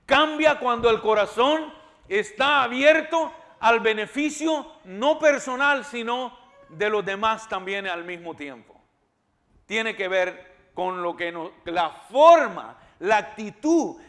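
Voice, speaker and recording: A male pastor preaching a sermon, emphatic and repeating his words, now and then rising to loud cries. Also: very high-pitched, animated, unhurried. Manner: repeats words and restarts often. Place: church.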